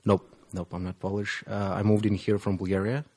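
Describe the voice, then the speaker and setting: Man, from Moldova, native Romanian, deep-ish husky voice, casual interview guest, explains at length. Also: level tone, a little fast, mellow. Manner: thoughtful, explains at length with small laughs. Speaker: podcast guest.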